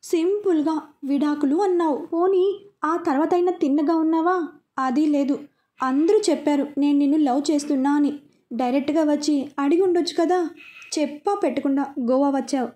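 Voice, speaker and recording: A woman's voice: sits high, normal speed, dark tone, close to an everyday voice. A woman voicing a hurt, reproachful young wife in an audio story, pleading and scolding by turns.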